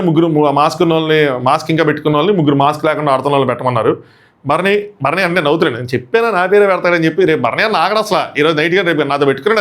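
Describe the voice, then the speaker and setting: A man reviews a reality show episode in quick, chatty commentary. His voice sits a little high for a man. He keeps it lively and slips into the contestants' voices as he retells their lines. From India.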